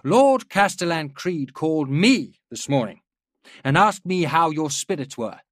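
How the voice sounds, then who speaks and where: A male narrator acts out a proud older general in a dramatised war audiobook, projecting as if across a parade ground. His voice is raised well up in pitch, stern and commanding, delivered as rousing, declamatory oratory with lively intonation and a slightly slow pace. The sound is close and dry with no room sound.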